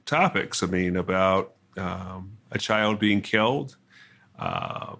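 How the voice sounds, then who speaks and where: A man reporting from a courtroom trial, answering questions in a hesitant, halting way with many restarts. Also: low-pitched, vocal fry, fairly bright tone. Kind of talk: interview answers.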